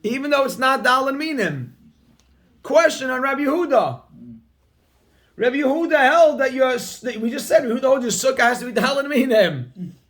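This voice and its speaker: A man leads a Talmud class in a notably high voice. He drills each phrase by repeating it again and again and presses his students with energetic emphasis. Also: fairly quick. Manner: repeats key phrases over and over, drilling the point. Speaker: Talmud teacher. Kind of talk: Talmud class reading and explaining text.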